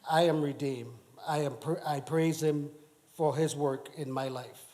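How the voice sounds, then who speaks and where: A middle-aged man from the Bahamas giving a personal testimony in church, speaking haltingly with many restarts. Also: fairly high pitch, fairly even intonation, mellow. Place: church sanctuary.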